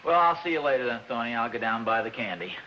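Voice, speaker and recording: A man's voice: mid-range voice, lively intonation, rapid-fire, sharp tone, slight background noise. A man playing a fretful middle-aged husband and father in a 1950s radio sitcom, talking in an earnest, flustered way. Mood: scheming. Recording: dull lo-fi old radio broadcast.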